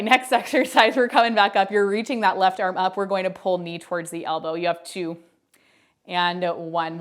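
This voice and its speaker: Wearing a mic indoors at home, a woman in her twenties instructs a Pilates class, counting down reps and offering chatty, encouraging asides while a bit out of breath. Her voice is fairly low in pitch with a fairly bright tone.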